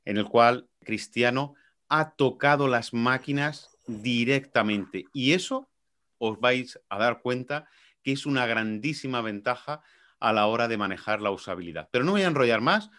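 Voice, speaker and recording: Male podcast host, Spain accent, medium pitch, presenting to listeners. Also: animated, normal speed, pushed and bright. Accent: Spain Spanish. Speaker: podcast host, marketing manager. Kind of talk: podcast introduction addressed to listeners.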